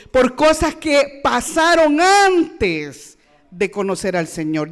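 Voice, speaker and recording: A woman pastor, preaching a sermon with rhetorical questions and playful asides. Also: high-pitched.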